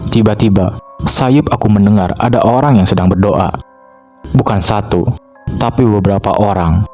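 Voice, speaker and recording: A man calmly narrating a first-person horror story in a steady, measured way, recorded on a cheap mic. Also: on the low side. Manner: calm, steady storytelling with short pauses. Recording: cheap mic with faint background music. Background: faint music.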